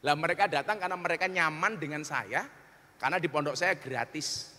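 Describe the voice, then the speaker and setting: A man preaching to a university audience, lively and joking, swinging from loud emphasis to quiet asides and calling listeners Pak and Bu. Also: fairly high pitch, a little fast, big-room sound. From Indonesia. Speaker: Islamic preacher. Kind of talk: public lecture with jokes. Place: large auditorium.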